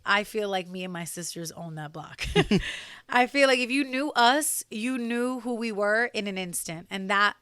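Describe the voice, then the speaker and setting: Young podcast guest from New Jersey, rambling and chatty, clear smooth tone. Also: female voice, mid-range voice, moderate pace, fairly bright tone, dry recording, studio quality. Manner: chatty, many fillers and restarts. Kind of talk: casual interview conversation.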